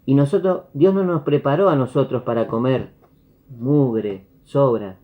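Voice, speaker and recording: A somewhat slow, medium-pitched male voice with a Rioplatense Spanish accent delivers sermon storytelling in the form of a parable. He brings it to life by acting out the characters' lines. Audio is dull and lo-fi from a video call.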